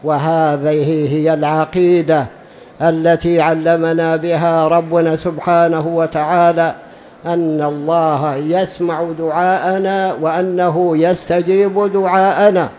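Emphatic high-voiced male preacher. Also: little pitch movement, unhurried, darkish tone, lo-fi sound, slight background noise. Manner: emphatic, repeats key phrases for stress; drawls words out when demonstrating pronunciation. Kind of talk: religious lesson.

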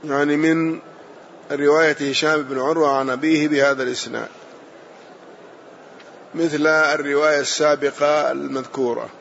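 A man teaching and clarifying religious texts in a calm, explanatory way, his voice sitting slightly high. The sound is muffled and lo-fi, with a faint hiss. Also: normal speed, gravelly, long pauses. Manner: calm explanatory glosses, affirming with short acknowledgements. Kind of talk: religious lesson commentary.

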